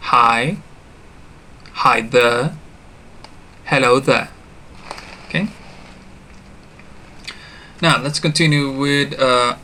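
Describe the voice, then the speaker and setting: A man teaching a beginner English lesson online. He repeats each example phrase for learners to copy and stops to correct himself with a quick "sorry". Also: medium pitch, sharp tone, slight background noise.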